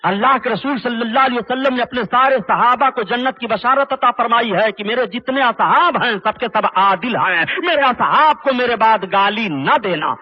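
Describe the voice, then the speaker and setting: A man preaching an impassioned religious sermon, declaiming forcefully and chanting Arabic quotations. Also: extremely high pitch, expressive, moderate pace, hardly any pauses. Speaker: Islamic preacher. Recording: dull lo-fi sermon recording.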